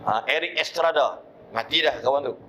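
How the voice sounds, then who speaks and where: A male preacher with a Malaysian Malay accent tells lively stories in a sermon at a mosque. His voice is bright and forceful, sitting a touch higher than most men's. A faint hum of noise stays underneath his voice. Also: normal speed. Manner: lively anecdotal storytelling, acting out voices.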